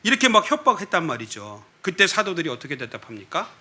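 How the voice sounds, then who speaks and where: A man's voice: fairly high pitch, huge pitch swings, fast talker, pushed and bright. A man preaching a sermon at a church worship service as its pastor, talking animatedly and prodding the congregation with frequent rhetorical questions.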